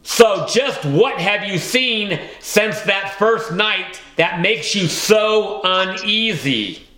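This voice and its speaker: A friendly, naive family dog who talks in an earnest, slightly indignant way, as a man reads him aloud. The delivery is slow and the voice is bright and fairly high. The recording carries a roomy echo. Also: expressive, slight background noise, heavily acted. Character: good-natured, naive male family dog. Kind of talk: audiobook character reading.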